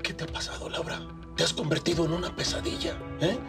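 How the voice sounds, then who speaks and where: An actor playing a stern, reproachful police colleague in a TV drama, firm and accusatory. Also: male voice, fairly high pitch, little pitch movement, fast, natural voice. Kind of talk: naturalistic TV drama acting. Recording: background music under dialogue.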